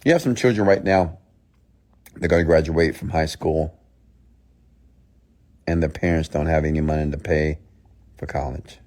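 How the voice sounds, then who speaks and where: A man with a very low voice delivers a motivational mindset talk. He is blunt and scolding, hammering points home through repetition. Rhetorical questions are thrown straight at his listeners. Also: steady tone, normal speed, pauses often, darkish tone. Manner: emphatic, repeats phrases and poses rhetorical questions. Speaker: motivational speaker and host.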